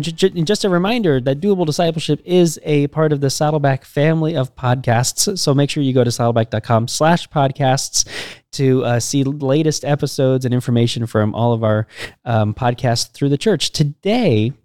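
A man's voice: mid-range voice, normal speed, darkish tone, clean tone, no room sound, clean studio sound. Upbeat man hosting a podcast. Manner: upbeat, hesitant with fillers and restarts. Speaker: podcast host. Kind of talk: church podcast interview.

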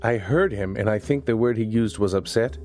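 A man narrating and voicing a private investigator in a noir audio drama, with a dry, deadpan wit. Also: fairly low pitch, a little fast, faint music behind.

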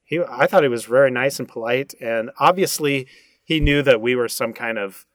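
A man, a podcast guest, telling an anecdote at an unhurried pace with frequent fillers. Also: mid-range voice, no echo. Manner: unhurried storytelling with many uh fillers.

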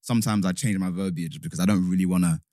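A man's voice: sits low, quick pace, dark tone, no room sound, studio quality. A young man with a London roadman accent, chatting casually and without a filter as a podcast co-host, in laid-back, slangy, sweary talk. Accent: London, urban roadman slang. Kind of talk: casual, unfiltered group chat.

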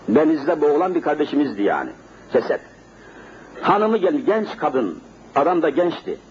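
High-voiced man preaching a lively sermon. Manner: vivid storytelling, speaks directly to the congregation. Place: mosque before a congregation. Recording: dull lo-fi sermon recording, faint noise.

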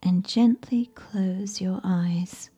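Breathy woman whispering slow sleep narration, close-up. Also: medium pitch. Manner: whispery, close in the listener's ear; slow, soothing, gentle. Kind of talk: soft ASMR scripted bedtime narration.

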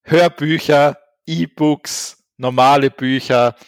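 A man's voice: a little high, fairly even intonation, takes it slowly, dry recording. A man in casual podcast chat giving blunt advice, his microphone clipping and distorting. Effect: clipping distorted mic. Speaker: podcast co-host.

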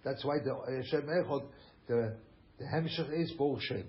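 Swiss guy teaching a torah class, repeats himself, mid pitch voice, kinda dull lo-fi sound. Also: normal speed. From Switzerland. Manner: animated, repeats phrases, mixes in Yiddish and German. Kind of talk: Torah lecture.

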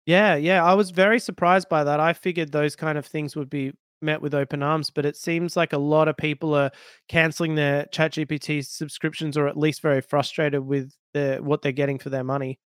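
A man co-hosting a tech podcast, chatting casually and laughing easily. His voice is smooth and resonant and sits a little high for a man. The sound is close and dry, with no room around it. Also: dry recording. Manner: animated, quick to laugh. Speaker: podcast co-host.

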